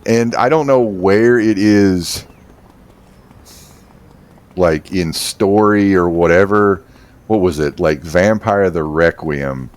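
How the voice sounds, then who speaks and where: Male gamer in his 30s, deep and unhurried, rambling commentary with filler words. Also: clean tone. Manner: rambling, swears casually, frequent fillers and laughs. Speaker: streamer. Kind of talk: casual gameplay commentary.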